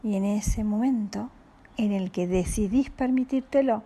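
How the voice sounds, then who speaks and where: A woman with a Rioplatense Spanish accent giving a calm, reflective spiritual talk, speaking slowly and often dropping into a soft whisper. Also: medium pitch, husky. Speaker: spiritual teacher.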